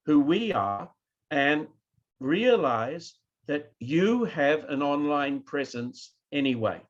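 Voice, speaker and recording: A slightly high-voiced man with a New Zealand accent presents a keynote lecture online, sometimes prompting the live audience to respond. The recording is muffled.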